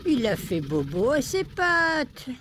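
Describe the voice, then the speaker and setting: A doting old grandmother from a storybook, as a storyteller puts her on, high and lilting with her voice swooping up and down. She coos in soft baby talk and takes her time over every word. Music plays behind her. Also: very animated, slow pace, heavily acted. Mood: cooing. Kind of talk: storybook character voice.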